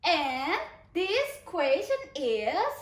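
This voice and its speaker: Hoarse Thai-accented woman, very high pitch, slow drawn-out sing-song, echoey room. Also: sing-song. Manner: slow, sing-song prompting with repeated questions. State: hoarse, losing her voice. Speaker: kindergarten English teacher. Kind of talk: online children's lesson.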